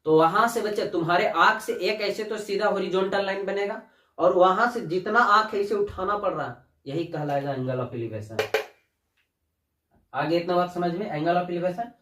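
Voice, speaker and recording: This male teacher has a high, sharp-toned voice and speaks at normal speed during a classroom lesson. Addressing his students as "बच्चा," meaning "child," he asks questions and supplies the answers himself, captured by a distant mic in an echoey room.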